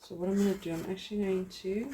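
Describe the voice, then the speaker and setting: Over a noisy background, this woman talks at a racing pace in a medium-pitched, steady voice. She's a young South African craft vlogger who wanders a bit in conversation while she crafts at her desk, often making fun of herself.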